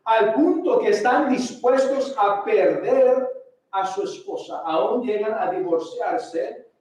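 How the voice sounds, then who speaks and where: High-voiced man preaching in echoey church. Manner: emphatic preaching, slowing down and dropping to a hush to stress words. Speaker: pastor. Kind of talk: sermon. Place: church sanctuary. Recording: very echoey sanctuary from far off.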